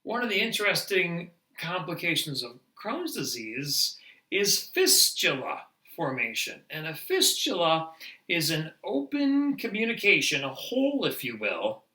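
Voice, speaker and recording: A man teaching nurses in a lively, emphatic lecture, now and then laughing at himself. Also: on the high side, a little slow, roomy sound, poor audio. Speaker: nurse educator. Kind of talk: medical lecture.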